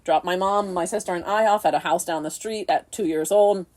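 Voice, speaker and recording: Soft-spoken woman telling a personal story. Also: lowish voice. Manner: soft, halting and reflective, with frequent restarts. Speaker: podcast co-host.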